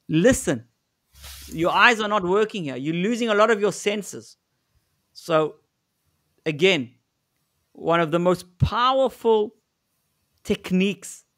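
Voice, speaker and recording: A man with a high, light voice talks through a live webinar over a video call. He coaches in a direct way, stopping often to restart a sentence or fill a gap. He sounds like an expert walking a team through practical advice. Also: a bit bright. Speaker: negotiation expert presenting a webinar.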